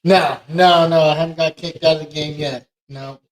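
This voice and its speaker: A man's voice: fairly high pitch, fairly even intonation, normal speed, low-quality recording. A middle-aged man co-hosting a casual podcast, speaking conversationally with frequent hesitations. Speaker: podcast co-host, mortgage lender.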